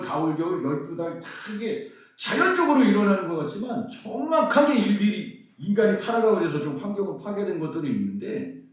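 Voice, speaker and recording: A middle-aged male pastor from Seoul preaching a conference sermon, asking the crowd questions as he goes. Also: high-pitched. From Seoul, South Korea. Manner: lively preaching with rhetorical questions. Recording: very echoey hall, mic far off.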